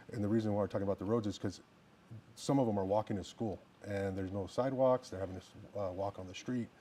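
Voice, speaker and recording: A firefighter of about fifty from New Mexico, running for office, answers interview questions politely and plainly, often stopping and restarting. His voice sits low with a dark tone, and there's slight background noise.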